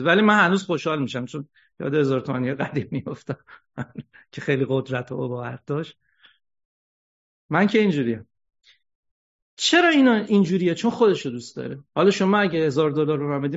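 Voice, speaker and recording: A man giving an ethics lecture, animated, asking rhetorical questions and joking wryly. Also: a little high, gravelly. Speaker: religious lecturer. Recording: dull lo-fi recording.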